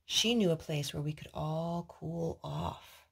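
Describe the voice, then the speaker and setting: A woman with a low, slow, gravelly voice and a breathy edge reads a story to young children in her living room at home. As a parent, she keeps her words simple and instructive, asking the kids questions and slipping into sing-song talk and singing along the way.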